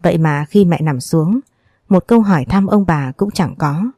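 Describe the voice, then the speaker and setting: A woman narrating a first-person audiobook story in a steady, sorrowful reading voice. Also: on the low side, moderate pace, no room sound, clean studio sound.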